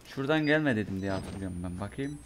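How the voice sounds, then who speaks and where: Hoarse young man muttering through gameplay. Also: fairly low pitch, expressive, quick pace, slight background noise. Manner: mutters to himself, curses and reacts in bursts. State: voice going hoarse from a sore throat. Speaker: gamer playing a horror game. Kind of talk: let's play commentary.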